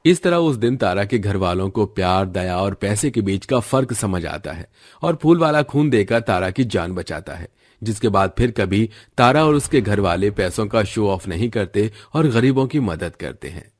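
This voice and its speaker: A man's voice: lowish voice, lively intonation, moderate pace, a little mellow, dry recording. A man in scripted narration of a cartoon story, telling it evenly.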